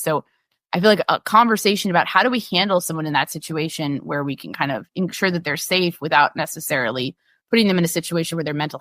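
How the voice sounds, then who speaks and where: Chatty woman podcast co-host, low voice. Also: a bit bright, no room sound. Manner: chatty, many restarts and fillers, laughs easily. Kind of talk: casual chat reading patron questions.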